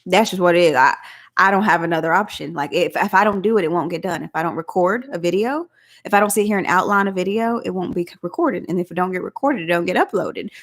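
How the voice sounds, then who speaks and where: A woman's voice: on the low side, fast. Chatty woman with a country drawl. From Southeast Oklahoma. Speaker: vlog host. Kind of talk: casual live chat.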